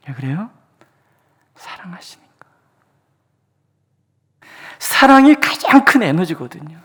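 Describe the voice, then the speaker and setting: A pastor preaching a dawn prayer sermon, moving between loud, emphatic lines and soft, whispered asides, and acting out the voices of the people in the stories. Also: mid-range voice, husky. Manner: acts out quoted voices.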